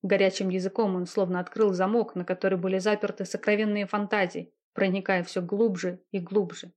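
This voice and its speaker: A woman reading a romance novel aloud in a steady, intimate narrating voice. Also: medium pitch, a little fast.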